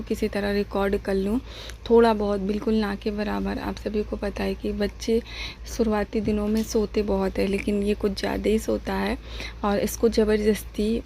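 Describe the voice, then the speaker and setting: Woman vlogger, quiet voice-over, flat delivery, faint noise behind. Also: medium pitch, gravelly. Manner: soft, calm and explanatory. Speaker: family vlogger. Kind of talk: voice-over narration of a family vlog.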